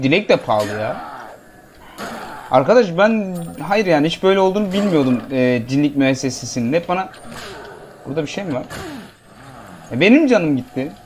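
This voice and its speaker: Lively, chatty man playing a game. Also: a little high, a little hiss or hum. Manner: chatty, jokey, talks to the game characters. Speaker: gameplay commentator. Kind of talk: casual let's-play commentary.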